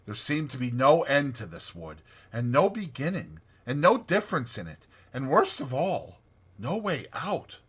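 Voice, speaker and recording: Bright, expressive male storybook narrator. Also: mid-range voice, measured pace, breathy edge. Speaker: audiobook narrator.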